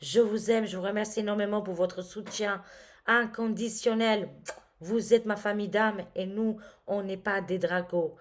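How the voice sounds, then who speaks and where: A woman's voice: mid-range voice, fairly even intonation, normal speed. A woman reading tarot cards to her viewers, talking casually and dramatically with many exclamations and fillers. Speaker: tarot reader.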